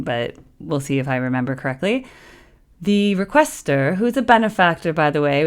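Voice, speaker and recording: A woman's voice: low voice, clean tone. A woman hosting a music reaction video, talking casually to her viewers and joking around. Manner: playful and chatty, jokes in other languages. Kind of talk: casual chat to camera.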